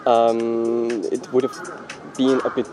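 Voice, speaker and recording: A man's voice: medium pitch, monotone, takes it slowly, crowd noise. Swiss guy rambling in a park, lots of "like", music behind. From Switzerland. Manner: rambling, many "like" fillers. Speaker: interviewee, model. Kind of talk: casual street interview. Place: outdoor city park. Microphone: handheld camera.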